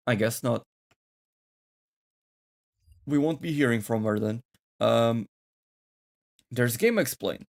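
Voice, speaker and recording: A man's voice: mid-range voice, vocal fry. A man hosting a gaming channel, thinking aloud and rambling through casual reaction commentary.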